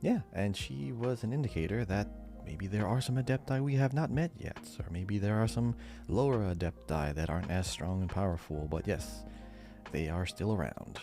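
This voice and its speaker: His voice is fairly low and mellow, moving at a normal speed. The man co-hosts a podcast and quizzes in an easygoing, chatty way over faint music.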